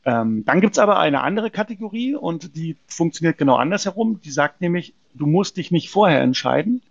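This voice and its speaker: A man's voice: fairly high pitch, very animated, a little fast, creaky, no echo, dull audio. A man from a precious metals company answering interview questions in an explanatory way, often hesitating with fillers and restarts.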